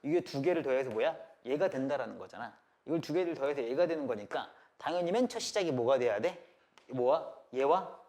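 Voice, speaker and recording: A man's voice: mid-range voice, expressive, brisk, darkish tone. A man teaching a live math class, asking constant rhetorical questions and checking that students follow, blunt and casual. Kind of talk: classroom lecture.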